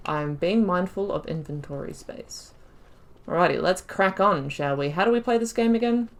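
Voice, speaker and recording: Here a woman offers casual gameplay commentary during a playthrough, her voice on the low side and her pace normal. She chats and rambles, joking and poking fun at herself as she plays.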